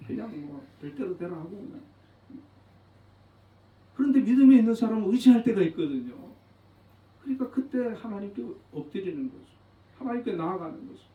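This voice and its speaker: A man pastor delivering an earnest, emphatic sermon, repeating phrases for weight. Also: sits high. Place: church sanctuary. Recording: roomy, distant, dull church recording.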